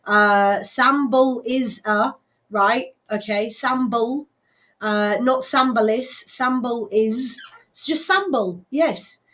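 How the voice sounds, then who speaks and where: A woman's voice: fairly high pitch, takes it slowly, a bit bright. A woman hosting a live local radio show with a West Country English accent, chatting casually and rambling with frequent laughs and fillers. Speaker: radio host.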